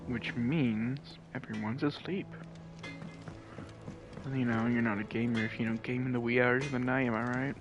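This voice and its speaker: A man's voice: medium pitch, steady tone, moderate pace, dull audio. A man streaming a game late at night at home, talking in a laid-back, rambling, profane way close to the mic. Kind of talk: casual live game commentary. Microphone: close desk mic. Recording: mic with game music behind.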